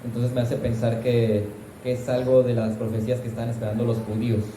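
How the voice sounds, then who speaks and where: A man answering in a class, reasoning slowly and carefully through his idea. His voice is very dark and mellow, at a middle pitch. The room around him echoes. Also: little pitch movement, a little hiss or hum.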